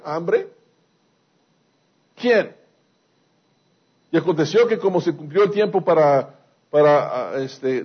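A high-voiced man. He presses his points with rhetorical questions and repeated lines. The recording sounds dull and lo-fi. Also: slightly rough. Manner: emphatic preaching, rhetorical questions, repeats phrases. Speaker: pastor. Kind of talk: sermon.

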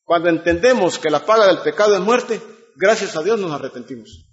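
Emphatic preacher, slightly high voice. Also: male voice, expressive, brisk, muffled recording. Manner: emphatic, rhetorical questions to the congregation. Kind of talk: sermon with scripture reading.

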